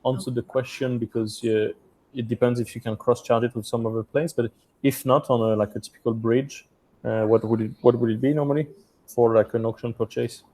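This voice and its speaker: A man with a French accent hosts a webinar from a hotel room over a video call, speaking haltingly with many restarts and uh's. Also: medium pitch, steady tone, darkish tone. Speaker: host of an investor community webinar. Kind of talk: hosting a webinar Q&A.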